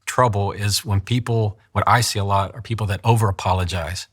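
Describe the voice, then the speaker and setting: A man's voice: lowish voice, steady tone, brisk, a bit bright, husky. A man who works as a trial attorney explains in an interview how to speak with control, acting out examples and showing how pacing changes the way words land. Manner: acts out quoted voices, demonstrates pacing. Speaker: trial attorney and communication coach.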